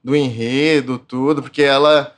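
A man's voice: medium pitch, fairly even intonation, unhurried. A man with a Brazilian Portuguese accent hosting a casual podcast, slangy and laid-back. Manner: slangy, laid-back, lots of mano and velho. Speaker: podcast host.

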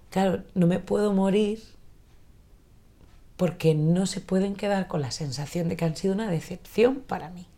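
A woman in her forties with a low, gravelly, dark voice talks about her life in a hesitant, reflective way. She often stops and restarts her sentences. She is a guest on a podcast recorded in a home kitchen. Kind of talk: emotional personal conversation.

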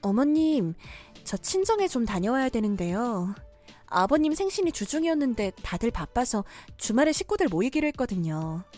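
A woman voices a young daughter-in-law in a cartoon story drama, courteous yet firmly standing her ground. Her high voice swings widely in pitch, with soft music underneath. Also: sing-song, normal speed. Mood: polite. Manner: polite at first, then pushes back firmly.

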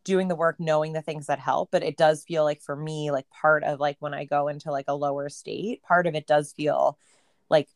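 Female podcast co-host, low voice, dry close sound, reflective and halting. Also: steady tone, no echo. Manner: reflective, heavy use of "like". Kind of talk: casual spiritual chat.

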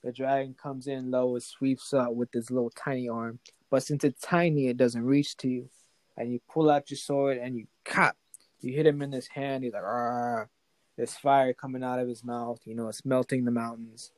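A man's voice: medium pitch, level tone, normal speed, no room sound. A man improvising a fantasy story as game master. He talks casually and keeps checking in with the player.

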